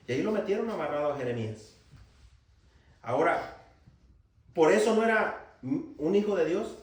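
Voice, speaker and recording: Echoey distant pastor preaching. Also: male voice, fairly high pitch, a little mellow. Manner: emphatic, asks the room rhetorical questions. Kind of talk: sermon to young people. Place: church hall. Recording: very echoey church hall from far off.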